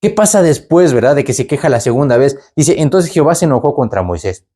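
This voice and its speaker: A man preaching a sermon in a conversational way. He keeps adding "¿verdad?" to his lines and lifts his voice to act out the people in the story. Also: fast talker. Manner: animated, jumps up in pitch to act out the people in the story.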